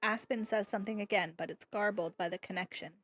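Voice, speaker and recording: A woman streamer reading a visual novel aloud live, switching between expressive narration and playful jokes. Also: mid-range voice, fast. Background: game music.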